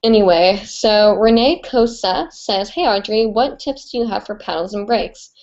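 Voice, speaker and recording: Answering hooping questions from viewers on a live stream, a young woman talks in a chatty, rambling way full of fillers. Her stuffy, nasal voice sits in the mid-range with a darkish tone, her pace is moderate, and the audio is dull.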